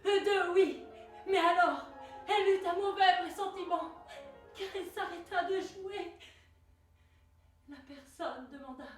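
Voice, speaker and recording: An actress playing a bewildered young girl who searches her lost memory, speaking in halting, repeated words and anguished exclamations in a theatre monologue. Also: very high voice, soft background music. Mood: frantic, jealous. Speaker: stage actress. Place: theatre stage. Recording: echoey stage recorded from far off.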